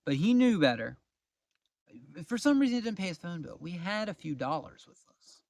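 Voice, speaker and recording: Man, storytime vlog, lively swooping voice, slightly high, dead dry close mic, exasperated. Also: moderate pace, creaky, dry recording. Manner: animated, exasperated storytelling, drops to low mutters. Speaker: vlogger. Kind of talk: casual storytime.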